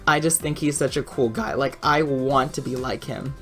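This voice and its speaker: Young woman, low voice, chatty storytime voice-over, faint music behind. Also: fairly even intonation, moderate pace, fairly bright tone. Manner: chatty and rambling, laughs often. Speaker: YouTuber.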